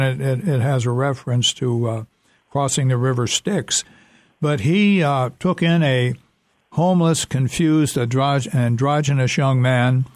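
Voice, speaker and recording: A man as a talk-show guest, explaining in a measured, slightly halting way. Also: mid-range voice, no room sound.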